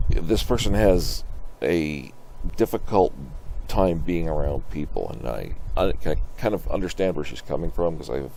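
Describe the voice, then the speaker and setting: An older man with a very low, grandpa-like voice reacts casually as he watches. His delivery is halting and musing, with pitch that swings widely. There is slight noise in the recording. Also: vocal fry, mellow. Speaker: reaction video host. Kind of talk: casual off-the-cuff trailer commentary.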